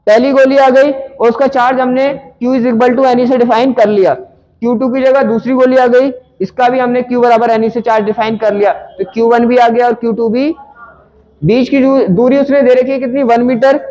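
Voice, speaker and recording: A man's voice: very high voice, a little mellow, poor audio. A male physics teacher working through a numerical problem in a conversational way, asking students questions and answering them himself.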